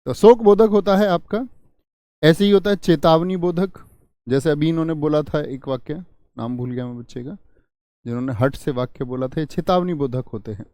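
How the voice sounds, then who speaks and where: A man's voice: fairly high pitch, moderate pace, mellow, no room sound. A man teaching a Hindi grammar class online, reading viewers' comments and acting out example exclamations. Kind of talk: online exam-prep class.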